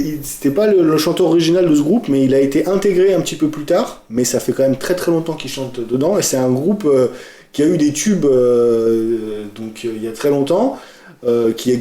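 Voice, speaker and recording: A man co-hosting a casual music podcast, talking about a song he loves with frequent hesitations and clear enthusiasm. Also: mid-range voice, mellow. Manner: hesitant, many fillers, enthusiastic. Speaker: podcast co-host presenting a song. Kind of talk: casual chat. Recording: echoey room.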